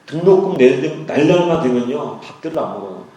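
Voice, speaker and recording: A man's voice: a little high, expressive, brisk, dark tone. A man preaching a sermon and telling a personal testimony, acting out the prayers and voices in his story. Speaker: pastor. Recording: echoey hall from far off.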